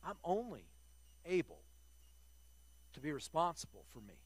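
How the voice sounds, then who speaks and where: A man's voice: fairly high pitch, sing-song, normal speed, breathy edge, dry recording. An older man preaching a sermon to his congregation, earnest and emphatic, often repeating words as he restarts a phrase.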